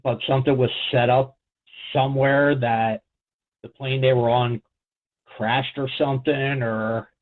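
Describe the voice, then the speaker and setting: A man co-hosting a podcast in casual chat, rambling and halting with fillers and restarts. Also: mid-range voice, fairly even intonation. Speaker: podcast co-host. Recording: phone-like narrow sound.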